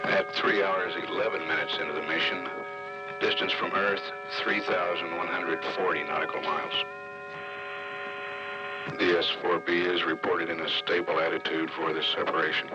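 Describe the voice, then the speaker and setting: A man giving measured, matter-of-fact live spaceflight commentary as a mission control announcer. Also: deep voice, little pitch movement. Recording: muffled archival broadcast under loud music. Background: loud music.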